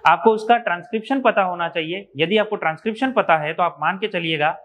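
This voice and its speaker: High-voiced Indian man teaching exam revision. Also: quick pace, a bit bright. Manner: explains step by step, repeats key terms.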